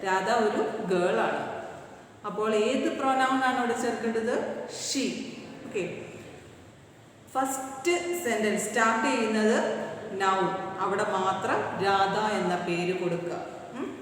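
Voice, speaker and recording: A woman teaching an English grammar class with a Malayali accent, reading English slowly and explaining quickly in Malayalam. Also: mid-range voice, a little hiss or hum. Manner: slow deliberate English, rapid Malayalam explanations. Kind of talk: recorded online class lesson. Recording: echoey room, distant mic.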